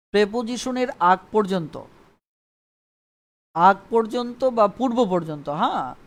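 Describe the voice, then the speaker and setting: Man teaching English grammar live. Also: high voice. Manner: repetitive, keeps checking understanding. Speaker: English tutor. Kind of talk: live online grammar lesson.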